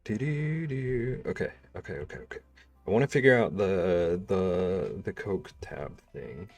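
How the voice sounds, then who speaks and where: A deep, gravelly-voiced man talks slowly and casually while he draws on a live stream. He mutters and hums to himself between remarks, close to a desk mic. Soft music plays faintly behind him. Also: lively intonation. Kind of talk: casual chat while drawing. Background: faint background music.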